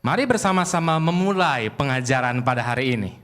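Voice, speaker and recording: A man's voice: medium pitch, lively intonation, a little fast, a bit bright. A male minister delivering a prophetic word in solemn first-person declarations, then announcing the scripture reading.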